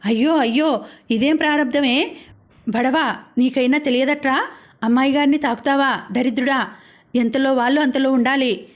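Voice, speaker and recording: A haughty old matriarch, read by a woman narrator, lashes out in a high, sharp voice. She scolds with class pride, storybook style. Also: fairly even intonation, moderate pace, pauses often, close to an everyday voice. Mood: scolding. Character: scolding older woman, household's mother-in-law.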